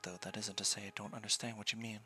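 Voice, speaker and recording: A man's voice: on the low side, level tone, quick pace, music in the background, lightly acted. A man voicing a wry, curious young woman scientist in a game, with wordy, clinical musing.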